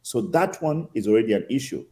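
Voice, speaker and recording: A man's voice: mid-range voice, lively intonation, a little fast, warm tone. A man with a Kenyan accent answering interview questions conversationally, emphatic, with rhetorical questions and repetition. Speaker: interview guest, consul general.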